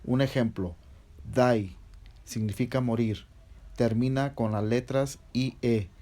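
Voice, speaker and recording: Man, English teacher, patient, spells letters out, mid pitch. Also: fairly even intonation, slow, dark tone. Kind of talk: slow step-by-step grammar explanation.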